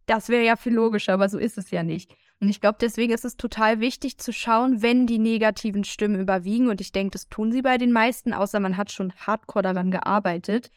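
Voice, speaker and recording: Woman co-host, calm and reasoned, mid-pitched, dry recording. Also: brisk, hardly any pauses, no echo. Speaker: podcast co-host. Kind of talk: casual chat.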